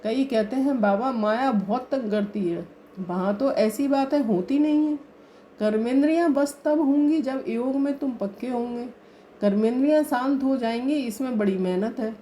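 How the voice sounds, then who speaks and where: Woman reader, higher-pitched but mellow voice, measured scripted spiritual reading, faint hiss behind.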